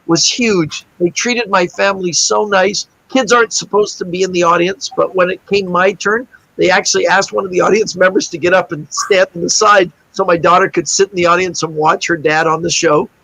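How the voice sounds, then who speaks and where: A man's voice: high-pitched, brisk, creaky, no echo, low-quality recording. A middle-aged man, a guest magician, telling a story in a casual interview and acting out the other people's lines. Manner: animated anecdote-teller, acts out quoted voices.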